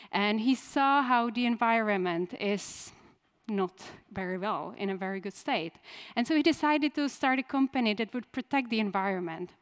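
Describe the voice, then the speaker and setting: A woman in her thirties, a native Czech speaker, giving a conference keynote in a direct style and putting questions to the audience. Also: medium pitch. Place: conference stage.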